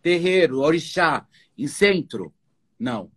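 A man's voice: on the high side, animated, slow pace. Playful, teasing male interviewer. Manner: playful, teasing, affectionate questions. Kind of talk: casual interview chat.

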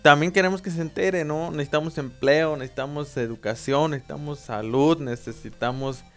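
A young man with a Mexican accent casually telling a personal story, slangy and animated. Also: on the high side, a little fast, faint music behind. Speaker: vlogger.

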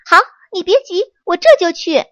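A woman voicing a lively, excitable young male monkey in a children's storybook, with a high, quick and eager voice. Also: no echo, dull audio. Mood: urgent. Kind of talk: storybook character voice.

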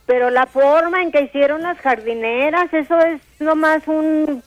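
A woman's voice: high-pitched, a little slow, soft background music. A woman with a northern Mexican accent calls a radio show by phone, complaining in a casual, plain-spoken, colloquial way. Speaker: radio caller. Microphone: telephone. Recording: dull band-limited phone line on radio.

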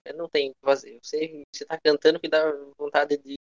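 A young man from São Paulo's interior chats in slangy Brazilian Portuguese-accented speech. He talks very fast and bluntly. The sound is dry and a bit dull. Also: on the high side, level tone, no room sound. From interior of São Paulo state, Brazil. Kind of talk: casual chat.

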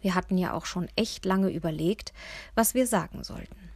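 A woman narrating a children's storybook in the first person, with a lively, expressive reading. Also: lowish voice, moderate pace, breathy edge, no echo. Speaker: audiobook reader.

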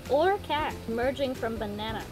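A young woman on the higher side reads out silly would-you-rather questions in a dry, playful way. Music plays clearly behind her voice. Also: moderate pace, low-quality recording. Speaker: question asker.

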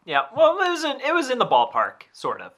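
Bright-voiced man, lively casual review host. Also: very high voice, fairly quick. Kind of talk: casual chat.

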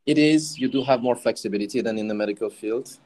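A man from Senegal, a guest engineer, answering interview questions calmly. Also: medium pitch, fast talker.

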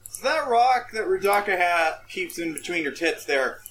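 A man with a high, animated voice joking crudely in a group call. Clear background noise sits under his speech. His tone stays playful. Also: moderate pace. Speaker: podcast guest. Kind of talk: casual chat.

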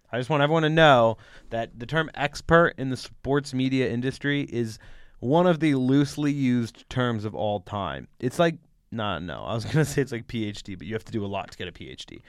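A man's voice: medium pitch, expressive, normal speed, smooth, no room sound, studio quality. A young man co-hosting a podcast, chatting casually and opinionatedly about football, rambling and laughing as he goes. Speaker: podcast co-host. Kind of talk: casual sports chat.

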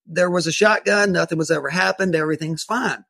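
A man's voice: on the high side, creaky, dry recording. A man telling an interviewer about a tense police encounter, retelling it animatedly and often restarting his words. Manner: animated retelling, acts out his own quoted lines; halting restarts, repeated words. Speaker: guest telling his self-defense story. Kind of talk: podcast interview, first-person storytelling.

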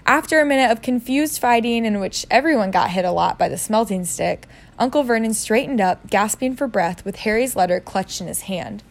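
Woman reading a book out loud, laid back, cracks jokes when she trips on words. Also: on the high side, animated, a little fast. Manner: casual, jokes about her own misreadings. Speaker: reader. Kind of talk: reading a novel aloud.

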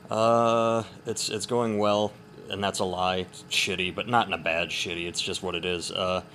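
A man podcasting casually, keeping subdued and quiet at night as he rambles and swears through his stories. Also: low-pitched, flat delivery, moderate pace. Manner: subdued, holding back as others sleep nearby; profane, rambling storyteller. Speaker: podcast host. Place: upstairs room at home at night. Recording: clear background noise in room.

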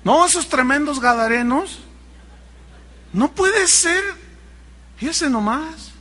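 Mexican pastor, male; animated preaching with mocking asides, pitched high. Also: takes it slowly. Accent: Mexican Spanish. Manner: animated, mocking impersonations of others. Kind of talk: sermon.

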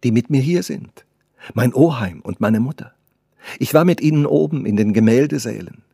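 A man reading the part of a shy young woman in love, speaking softly, almost in a whisper. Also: medium pitch, expressive, moderate pace, vocal fry, husky, no echo, clean studio sound, pitched above the performer's own voice. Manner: soft, hushed, near whispering.

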